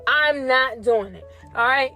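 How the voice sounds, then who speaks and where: Brief: young woman podcaster, higher voice, animated and profane storyteller, faint music behind. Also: a little slow. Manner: profane, animated, talks straight to listeners. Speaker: podcast host. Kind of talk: casual storytelling.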